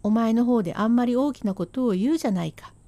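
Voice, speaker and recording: A woman voicing a sharp-tongued, hardworking Edo wife who scolds her husband sarcastically and relentlessly, in rakugo storytelling. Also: a little high, quick pace, dry recording, lightly acted. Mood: scolding.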